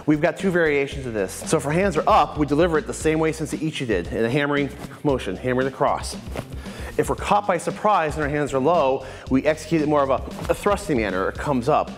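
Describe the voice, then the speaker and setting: A man's voice: a little high, expressive, quick pace. Man, thirties, instructor, methodical explanation, long room reverb, faint music behind. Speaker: martial arts instructor. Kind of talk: instructional commentary. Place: martial arts dojo, indoors. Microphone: lapel mic, medium camera shot.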